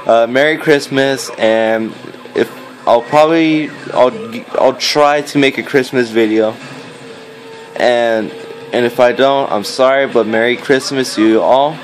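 A fourteen-year-old who makes gaming videos films a game on a screen indoors with a handheld phone, giving casual, hesitant, rambling commentary. His voice is mid-range and unhurried, and game music plays in the background.

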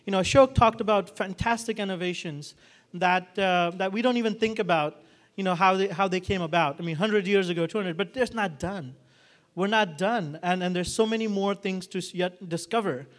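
A man in his thirties hosts a college event, talking freely with frequent restarts and fillers. His voice sits high for a man. He holds a handheld microphone in a large hall. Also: a bit bright. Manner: halting, many restarts and fillers. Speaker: event host. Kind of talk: unscripted event hosting. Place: large hall with red walls and a projection screen.

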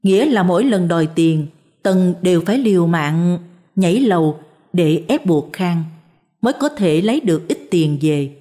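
A woman narrating a scripted moral tale as a storyteller, with a calm, even reading. Her voice sits low and sounds mellow and warm. She reads the story steadily. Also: normal speed.

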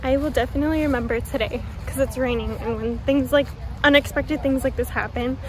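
A woman's voice: high voice, steady tone, fairly quick. A young woman in her twenties vlogging casually outdoors in a rainy park, gushing and giggly, filming at arm's length. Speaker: travel vlogger. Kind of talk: casual travel vlog. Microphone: handheld phone or camera at arm's length.

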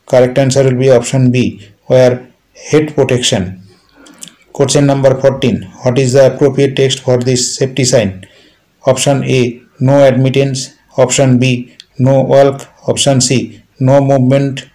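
A man reading multiple-choice quiz questions and answers aloud as a teacher, in a steady, repetitive listing manner. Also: medium pitch, unhurried, poor audio.

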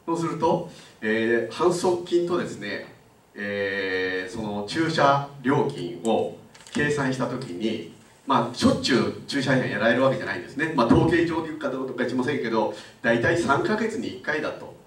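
An older man giving a public lecture in a conversational way, pausing often with filler sounds. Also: mid-range voice, expressive, fairly bright tone. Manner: conversational, frequent filler pauses. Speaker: guest lecturer. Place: lecture room. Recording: roomy, mic at a distance.

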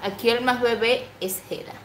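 A woman's voice: a little high, steady tone, normal speed, a bit bright, echoey room, a little hiss or hum, low-quality recording. A woman in her twenties chatting casually on a livestream, reading comments aloud, giggling often and cooing baby talk to her pet. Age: 20s. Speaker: livestream host.

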